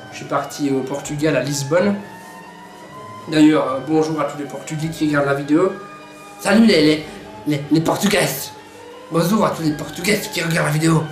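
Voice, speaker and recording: Young male vlogger, high voice, joking chatter, roomy sound with faint music underneath. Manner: chatty, jokey, repeats words. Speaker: YouTuber reviewing his own videos. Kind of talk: casual vlog chat.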